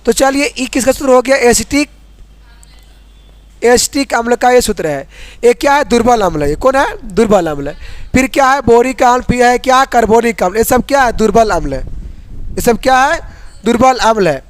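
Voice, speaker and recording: A man teaching a school chemistry lesson, asking the class questions and answering them himself, and reading chemical formulas out slowly letter by letter. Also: very high voice, expressive, dry recording. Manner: repeats questions and drills answers.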